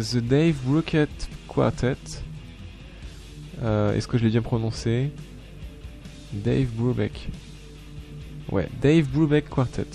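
A man hosts a relaxed radio show, talking in a mellow, darker tone and pausing often to hunt for his words. Faint music plays behind his voice. His pitch sits in an ordinary middle range. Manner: hesitant, many filler sounds and restarts. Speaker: web radio host. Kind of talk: casual live radio chat between songs.

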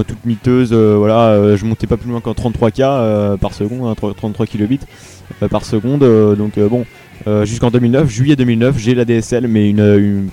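Hesitant young French radio host. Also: male voice, medium pitch, dark tone. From Paris region, France. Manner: hesitant, many fillers and restarts. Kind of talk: casual live radio chat.

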